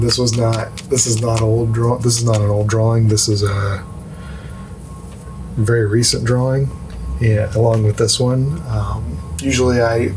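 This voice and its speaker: A man hosting an art channel, talking casually in a hushed, lowered voice as if quiet at night, with a gravelly creak, giving a sketchbook tour. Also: poor audio.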